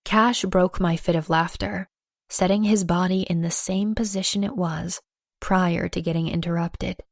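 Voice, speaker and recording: A woman narrating a first-person romance audiobook, playful and lively with acted dialogue. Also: on the low side, measured pace, no room sound, clean studio sound.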